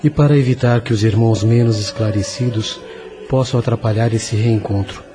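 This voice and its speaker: A man playing a serene, wise spirit guide, measured and didactic in a radio drama. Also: lowish voice, fairly even intonation, natural voice. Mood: serene, solemn. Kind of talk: solemn radio drama acting. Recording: music under the voice.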